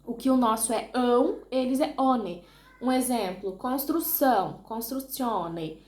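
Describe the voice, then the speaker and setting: In a reverberant space, a Brazilian woman vlogs with a Brazilian Portuguese accent, chatting to camera casually and making fun of herself while often starting sentences over. Her fairly high voice has a darkish tone and a moderate pace.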